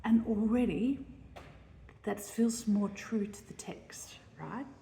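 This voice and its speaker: Slow, mellow woman teaching in a reverberant room. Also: a little high, vocal fry, a little hiss or hum. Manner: explanatory, thinking aloud, checks in with "right?". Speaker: composer teaching text setting. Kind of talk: music composition lesson. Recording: roomy space with long reverb.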